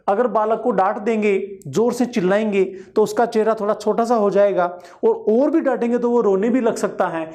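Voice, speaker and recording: A man's voice: high voice, darkish tone. A male teacher giving an exam-prep lecture, explaining each point and repeating it with everyday examples.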